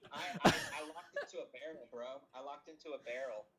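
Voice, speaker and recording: A man's voice: medium pitch, a little fast, background noise. A man on a casual podcast, goofily teasing his friends and boasting playfully. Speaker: podcast co-host. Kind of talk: casual banter among friends.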